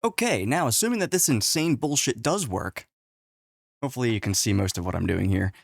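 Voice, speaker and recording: Fed-up man ranting through a tech explainer, lively pitch swings, dry close webcam sound. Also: brisk, vocal fry, dry recording. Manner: profane, exasperated, animated. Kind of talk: casual whiteboard explainer. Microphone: webcam with face overlay.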